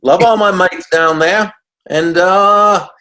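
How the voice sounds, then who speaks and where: A man's voice: high-pitched, steady tone, slow, sharp tone, voice pushed up, exaggerated voice. A man in his sixties doing a put-on Australian accent as a cheery Australian bloke, chirpy and sing-song. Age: 60s.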